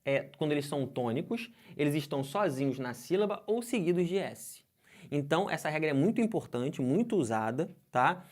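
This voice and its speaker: A Brazilian man with a Brazilian Portuguese accent and a voice on the high side teaches grammar in an exam-prep course. Full of lively energy, he keeps questioning his students and stretches out the example words slowly.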